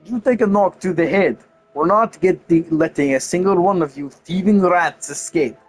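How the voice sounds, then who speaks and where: A man's voice: high-pitched, normal speed, faint music behind, voice pushed up. A man voicing a stern male guard with a put-on Russian accent, reading game dialogue aloud.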